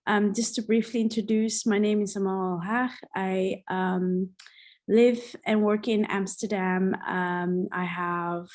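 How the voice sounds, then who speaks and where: A woman's voice: medium pitch, steady tone, slow, darkish tone. A woman researcher from the Somali diaspora, raised in the Netherlands, giving an online talk partly read from notes, speaking hesitantly with many fillers. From Somali diaspora, born in Egypt, raised in the Netherlands. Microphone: video call.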